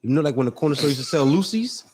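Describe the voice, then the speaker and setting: A man co-hosting a casual talk show, bantering loudly and joking with friends. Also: a little high, racing, slight background noise. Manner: loud, animated, joking banter. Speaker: co-host. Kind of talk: casual chat.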